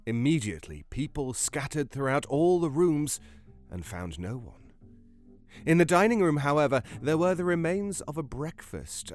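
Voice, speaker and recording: A man reading a story aloud as a podcast narrator, in a measured, expressive delivery. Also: mid-range voice. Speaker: podcast narrator reading a translated novel excerpt.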